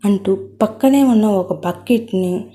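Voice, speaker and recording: A woman narrating a family story in a measured, even reading. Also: medium pitch.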